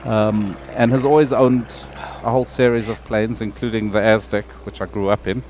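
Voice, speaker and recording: Male guest from South Africa, casual and halting, outdoor airfield recording, light background noise. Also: lowish voice. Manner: relaxed, hesitant, many fillers. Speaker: guest, paint scheme designer. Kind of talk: casual outdoor podcast chat. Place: outdoor airfield deck near runway.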